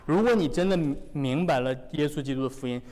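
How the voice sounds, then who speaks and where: A man preaching a sermon, animated and full of rhetorical questions. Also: fairly high pitch, fast talker, in a large hall.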